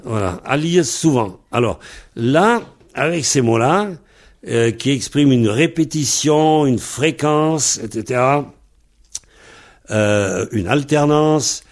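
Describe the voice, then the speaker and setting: Male teacher, slow and patient, explains methodically and spells things out. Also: mid-range voice, expressive. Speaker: language teacher. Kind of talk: spoken language lesson.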